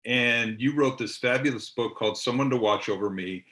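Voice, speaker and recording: A male virtual host chats with his guest over a video call, reacting with quick, laughing interjections. His voice is bright and edged, and it rings in an echoey room. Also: medium pitch. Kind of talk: interview hosting.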